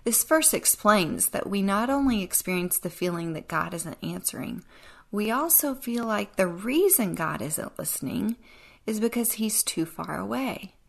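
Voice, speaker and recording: A woman's voice: mid-range voice, expressive, measured pace, creaky, husky. A woman hosting a devotional podcast, teaching in an earnest, reflective way with a touch of dry sarcasm. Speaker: podcast host.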